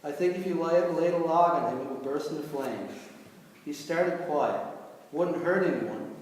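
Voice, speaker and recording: A man's voice: a little high, moderate pace, darkish tone, slight background noise. A man reading his own short story aloud at a live reading, with dry, wry delivery. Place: reading venue hall. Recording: echoey hall, far from mic.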